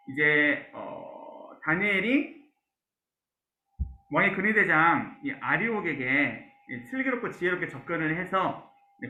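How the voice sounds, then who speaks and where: Animated high-voiced male pastor teaching. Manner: frequent "자" and "네" fillers, asks the class questions. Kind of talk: Bible class lecture. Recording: roomy, dull lo-fi sound.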